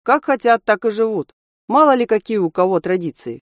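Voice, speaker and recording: A woman narrator voicing a gruff, curt old male caretaker who snaps his lines loudly. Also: mid-range voice, lively intonation, fairly quick, no room sound, clean studio sound, voice pushed up, natural voice. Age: older. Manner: curt, snapping. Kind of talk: audiobook character voice.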